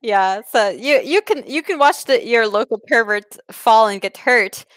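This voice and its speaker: A self-proclaimed self-care expert stumbles through broken English, restarting her sentences and mangling grammar, as a woman plays her in a comedy bit. Her voice is bright and a touch high. The sound is dry and close. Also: expressive, unhurried, dry recording. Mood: deadpan advice. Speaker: comic advice giver.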